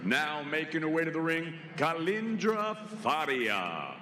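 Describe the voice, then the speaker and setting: Male ring announcer, lucha libre showmanship, drawn-out formal introductions, higher-pitched, long arena reverb. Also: lively intonation, pushed and bright, slight background noise. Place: large indoor arena. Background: hall reverb.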